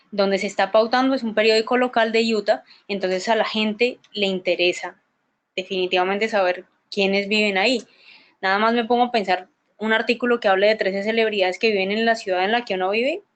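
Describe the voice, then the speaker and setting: A woman giving a conference presentation, explaining ideas step by step, often restarting and repeating words, and checking in with tag questions. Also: medium pitch. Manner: asks listeners for agreement with tag questions.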